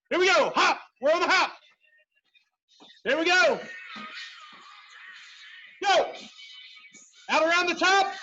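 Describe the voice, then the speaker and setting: A man's voice: extremely high pitch, pushed and bright. A man coaching a youth workout live, barking urgent, repeated commands and encouragement like a gym coach over dull call audio. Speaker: youth sports coach leading a remote group workout. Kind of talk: live workout instruction, calling out drills.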